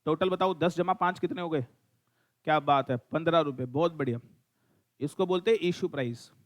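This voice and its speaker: Man, Indian accent, middle-aged, law teacher, high voice, quizzing and teasing students. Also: normal speed. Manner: mixes in English, quizzes and teases students. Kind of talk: classroom lecture.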